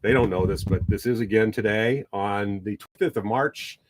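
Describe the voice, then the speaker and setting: A man's voice: fairly low pitch, normal speed, no room sound. A middle-aged man hosting a local radio talk show in the studio, joking and rambling with many restarts as he interviews students.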